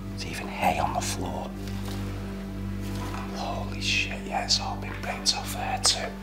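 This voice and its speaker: A man, an urban explorer hosting a vlog, talking in a hushed, awestruck whisper with quick exclamations as he films underground cellars on a handheld camera. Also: a bass voice, level tone, creaky. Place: dark underground brick cellars and tunnels. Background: background music.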